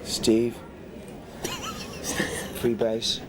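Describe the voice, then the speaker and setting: A man's voice: mid-range voice, completely flat delivery, extremely slow. A man from England, chatting in a casual interview, rambling, swearing and laughing often. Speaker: guest DJ. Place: airport. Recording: noisy location recording.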